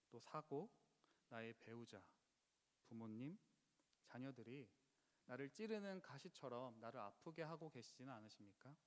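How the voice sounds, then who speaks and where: A man preaching a Friday prayer sermon, earnest and pleading, now and then crying out with feeling. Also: mid-range voice. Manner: earnest, pleading, rising to impassioned outcries. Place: church sanctuary. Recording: long church hall reverb.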